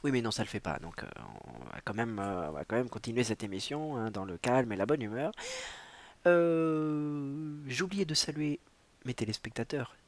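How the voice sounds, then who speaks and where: A man's voice: mid-range voice, lively intonation, moderate pace, noisy background. A man hosting a solo livestream, rambling and self-mocking with stammering restarts and bits of playful English. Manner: drops in playful mock English. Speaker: livestream host. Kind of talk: casual solo livestream chat.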